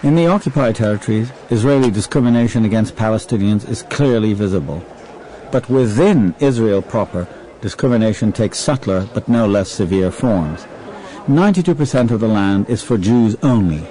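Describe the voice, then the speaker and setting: A man narrates a documentary in a measured, factual voice-over. His voice is low and mellow, with a dark, soft tone. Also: animated, some chatter behind, low-quality recording.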